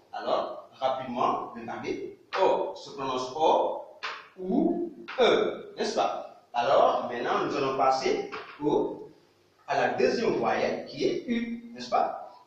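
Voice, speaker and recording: A male English teacher, giving a pronunciation lesson and repeating example words with emphasis. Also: on the high side. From Senegal. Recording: very echoey room, voice from far off.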